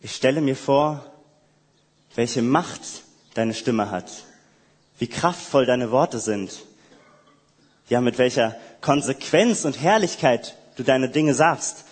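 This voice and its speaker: Slow, breathy man in a prayer monologue. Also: medium pitch, animated, in a large hall. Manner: reflective, halting, with hesitant restarts. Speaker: speaker addressing God.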